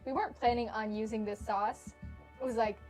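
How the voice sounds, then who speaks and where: A woman's voice: fairly high pitch, steady tone, a little fast, a little mellow, faint music behind. A young woman, a student ambassador, chatting casually with lots of fillers. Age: young adult. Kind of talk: casual chat.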